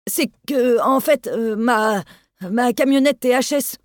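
A reader playing a frantic, stammering driver, his voice jumping far up in pitch. He trips over his words in panic, recorded dry and close. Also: animated, normal speed, fairly bright tone, no echo. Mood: panicked.

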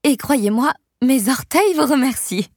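A woman's voice: high-pitched, lively intonation, measured pace, dry recording, studio quality, pitched above the performer's own voice. A woman voicing a haughty, short-tempered wealthy young mother who speaks in a reproachful, accusing way in a storybook reading.

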